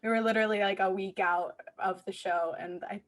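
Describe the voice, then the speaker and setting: A woman who hosts a podcast and directs children's theater conducts an interview in a casual, chatty, informal way full of slangy filler. Her mid-range voice moves briskly with fairly even intonation.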